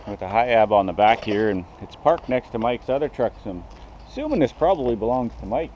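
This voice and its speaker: Man, 40s, casual vlogger, relaxed musing walk-and-talk, outdoor swap meet noise behind him. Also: medium pitch, a little fast, lo-fi sound. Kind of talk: casual walk-around commentary. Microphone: action camera carried by hand. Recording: outdoor noise around the mic.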